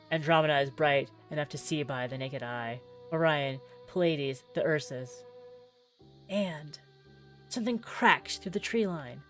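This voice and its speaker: A streamer playing a visual novel demo dramatically reads the game's narrative text aloud in a fairly low voice. Her delivery is theatrical and deliberate, with pauses for effect, while music plays softly underneath.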